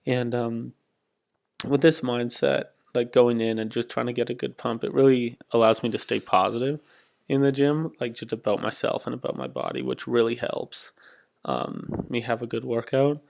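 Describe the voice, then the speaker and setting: Young man with a gravelly, fried voice. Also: mid-range voice, steady tone, normal speed, darkish tone. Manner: laid-back, rambling, lots of ums and likes. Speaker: fitness vlogger. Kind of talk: casual voice-over commentary.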